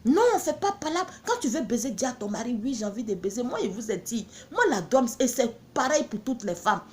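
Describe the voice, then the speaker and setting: A woman with a voice pitched a little high. She talks brashly and bluntly, pitching her own products and hammering home the same catchphrases again and again. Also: expressive, brisk, darkish tone, a little hiss or hum. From Benin. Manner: brash, emphatic, repeats catchphrases. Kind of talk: blunt promotional monologue.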